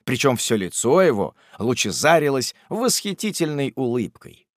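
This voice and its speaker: Man, audiobook narration, classic novel, lively swooping delivery, dry sound. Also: mid-range voice, normal speed, no echo. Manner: animated, theatrical storytelling.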